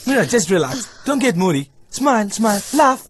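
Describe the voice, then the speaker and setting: A man's voice: high-pitched, big pitch swings, drawn-out words, heavy background noise, heavily acted. An actor dubbing a brash young man who mocks his date rudely and mixes English into his Telugu. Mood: mocking.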